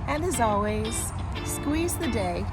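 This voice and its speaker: A woman's voice: a little high, expressive, slow. A woman co-hosting a travel vlog in casual, conversational talk. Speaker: travel vlogger. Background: loud music.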